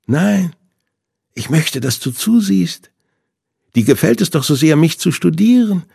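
Man voicing a mocking male villain, taunting, high-pitched for the narrator, husky, dry close sound, audiobook thriller. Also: expressive, warm tone, no room sound, heavily acted. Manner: sneering, taunting, slow and deliberate. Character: mocking, menacing male knife-wielding captor.

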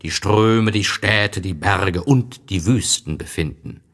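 A man voicing a self-important old male geographer who lectures slowly in an audiobook reading. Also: low voice, fairly bright tone, exaggerated voice. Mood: lecturing. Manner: slow, lecturing, pompous.

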